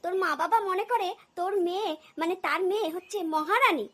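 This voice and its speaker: A woman with a very high-pitched, brisk, slightly bright voice plays a stern, exasperated older mother-in-law in a cartoon family comedy. She scolds and nags with blunt sarcasm.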